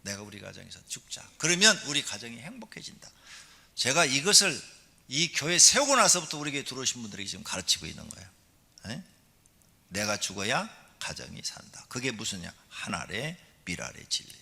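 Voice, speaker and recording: A man preaching a sermon as a pastor, animated, acting out scenes with voices and leading the congregation in call-and-response. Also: fairly quick, gravelly, breathy edge. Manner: animated preaching, acts out a nagging wife in a high voice. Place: large church hall. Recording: church hall with long reverb.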